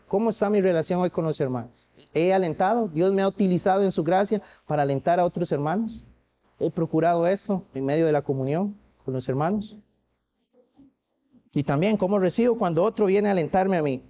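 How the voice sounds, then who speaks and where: A man's voice: a little high, brisk, warm tone, lo-fi sound. A man with a Costa Rican accent preaching a sermon in church, earnest, with restarts and rhetorical questions. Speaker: pastor.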